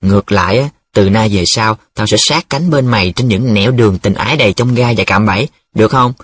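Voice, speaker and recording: A man voicing a cocky, teasing young male student who jokes in a sing-song way, with a husky voice. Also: medium pitch, animated, a little fast, a bit bright, no echo. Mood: boastful.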